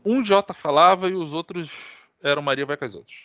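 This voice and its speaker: A man with a Brazilian accent hosting a gaming podcast, telling stories in casual, animated chat full of slang and swearing. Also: fairly high pitch, fast. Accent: Brazilian Portuguese. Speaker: podcast co-host.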